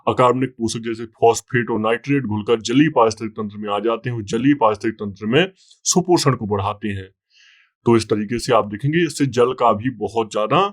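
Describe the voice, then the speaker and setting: A male teacher with a voice on the low side gives an exam-prep lecture, explaining step by step. He often repeats key points and checks in with his students.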